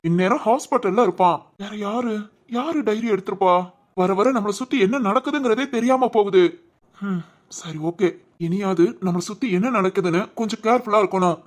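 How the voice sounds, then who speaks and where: A woman's voice: medium pitch, natural voice. A woman voicing a worried young groom. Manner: anxious musing monologue. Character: worried young man about to marry. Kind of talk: cartoon voice acting.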